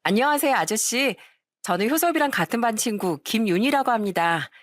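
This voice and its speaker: A woman voicing a calm, articulate teenage schoolgirl who talks softly and measuredly but with a firm, cutting edge, in a storytelling video. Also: on the high side, brisk, dry recording, clean studio sound, voice pushed up, lightly acted. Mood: polite.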